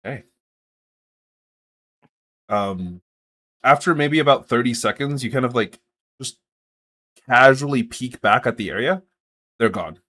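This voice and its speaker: A man's voice: medium pitch, animated, measured pace, long pauses, bright, forceful tone. A man narrating a tabletop game as game master in a casual way, full of fillers. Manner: casual, filler-heavy descriptions.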